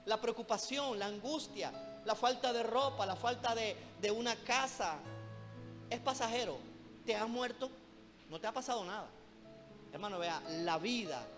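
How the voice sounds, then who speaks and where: A man's voice: high voice, fairly bright tone. A man preaching a sermon, fervent and direct, who keeps addressing his listeners as brothers and peppers his talk with rhetorical questions. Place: church hall. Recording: long hall reverb with music behind.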